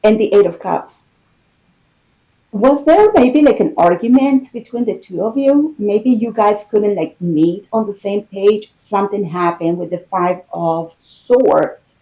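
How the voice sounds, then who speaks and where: A woman reads tarot cards in an intimate, unscripted way. Her voice is mellow and dark-toned at an average pitch for a woman. She speaks very slowly, thinking aloud and circling back over phrases. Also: expressive, low-quality recording. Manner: hesitant, musing, with pauses and repeated phrases. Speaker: tarot card reader.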